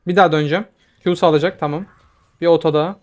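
A young man giving quick, excitable commentary over his own gameplay, swearing when frustrated. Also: a little high. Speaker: gaming video creator.

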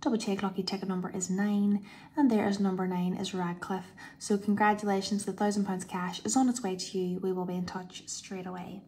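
A woman's voice: mid-range voice, flat delivery, fairly quick, a little mellow. A woman hosting a live online prize draw, calling out numbers and winners in the manner of a bingo caller. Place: indoors, filming a tablet screen. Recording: clear background noise.

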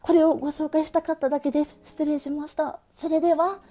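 High-pitched woman with a Tokushima accent. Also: flat delivery, quick pace, warm tone. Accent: Awa dialect (Tokushima). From Tokushima, Japan. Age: late 30s. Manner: cheerful, chatty, laughs often. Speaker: stationery vlogger. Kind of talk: casual chat to camera.

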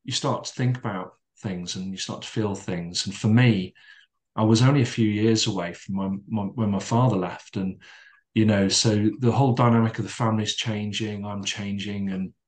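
A middle-aged man, a podcast guest, reflecting calmly in conversation with frequent fillers and restarts. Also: lowish voice. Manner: calm, measured, with many restarts and fillers.

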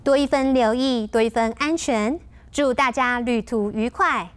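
A woman with a Taiwanese Mandarin accent narrating in the scripted style of a flight safety demo, measured and instructional. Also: on the high side. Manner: clear, measured instructional delivery.

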